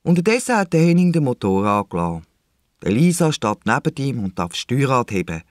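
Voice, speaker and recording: A man's voice: medium pitch, brisk, dry recording, studio quality. A man with a Swiss German accent narrating a children's radio play. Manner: lively storytelling.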